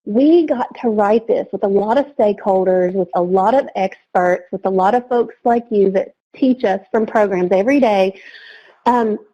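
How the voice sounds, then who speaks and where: A woman presenting a training webinar in an energetic, chatty way, laughing easily. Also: mid-range voice, normal speed, highs cut off.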